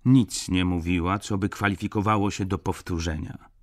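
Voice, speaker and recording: A man reading an audiobook, voicing a calm, formal, dignified merchant. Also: deep voice, normal speed, no echo, clean studio sound. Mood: cool. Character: reserved, dignified male merchant.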